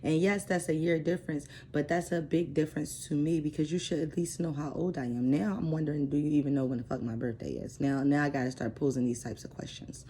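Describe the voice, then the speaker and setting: Low, dark-voiced woman venting. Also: steady tone, quick pace, hardly any pauses, a little hiss or hum. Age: 30s. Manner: blunt, frustrated, emphatic. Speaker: vlogger. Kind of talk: personal venting vlog.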